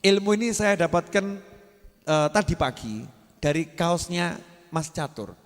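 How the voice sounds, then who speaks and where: High-voiced joking male preacher, Javanese lilt. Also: animated, measured pace, long reverb tail. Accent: Javanese-tinged Indonesian. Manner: playful, teasing the audience, drops into Javanese phrases. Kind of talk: humorous sermon.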